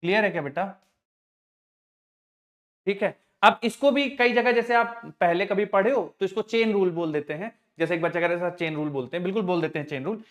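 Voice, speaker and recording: A middle-aged man with a high, brisk voice patiently leads a maths lesson. He talks to the students as children and frequently checks whether they follow the terminology.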